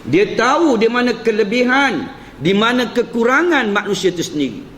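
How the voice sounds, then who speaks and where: A man's voice: very high-pitched, sing-song, moderate pace, a bit bright. A man giving an evening lecture in a mosque, often addressing the congregation and playing with his intonation. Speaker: preacher. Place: mosque prayer hall. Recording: echoey hall with faint hum.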